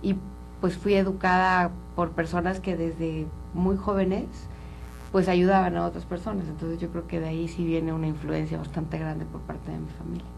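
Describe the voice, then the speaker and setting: A woman's voice: fairly low pitch, level tone, normal speed, gravelly, a little mellow, a little hiss or hum, rough recording. A woman from Colombia, a psychologist speaking earnestly and openly as an interview guest. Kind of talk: candid interview talk.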